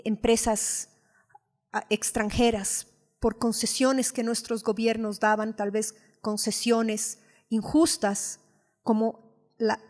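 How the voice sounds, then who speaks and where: A woman's voice: medium pitch, darkish tone. Woman preaching in a reverberant hall. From Bolivia. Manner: personal, asks the audience rhetorical questions. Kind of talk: conversational sermon.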